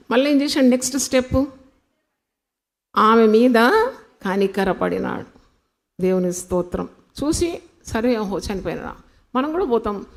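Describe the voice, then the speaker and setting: Fervent woman preacher, high voice. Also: creaky. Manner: call-and-response preaching, asks the crowd questions, swings between loud and soft. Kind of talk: sermon.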